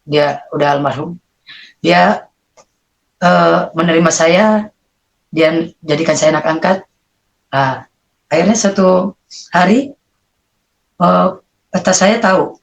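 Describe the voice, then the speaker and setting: Earnest, halting testimony voice. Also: mid-range voice, poor audio. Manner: earnest, halting storytelling with frequent fillers. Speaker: interview guest giving a conversion testimony. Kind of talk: emotional personal testimony.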